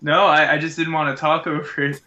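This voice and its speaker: A man's voice: on the high side, flat delivery, fairly quick, pushed and bright. A man chatting casually as a podcast co-host over an internet call. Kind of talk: casual chat. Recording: dull, lo-fi internet call audio.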